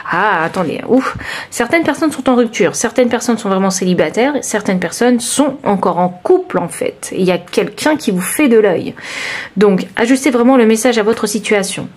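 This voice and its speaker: A woman giving a chatty, expressive tarot reading, talking straight to her listeners and exclaiming over the cards. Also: mid-range voice, normal speed. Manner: addresses listeners directly. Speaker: tarot card reader. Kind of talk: informal tarot reading to camera.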